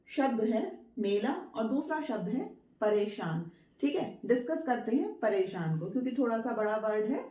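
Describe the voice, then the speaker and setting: A woman with a high, bright-pitched voice teaches a writing lesson in a patient, repetitive way. She stretches words out slowly, one syllable at a time. The sound is roomy and a little dull. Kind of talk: Hindi dictation lesson.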